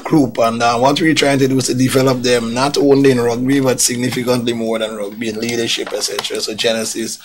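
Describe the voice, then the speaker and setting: A middle-aged man from Guyana, here as a rugby club president, talks about his sporting life on a live sports talk show. His voice sits at a middle pitch, and he chats freely with easy laughs. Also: level tone, fast talker, few pauses, crowd noise.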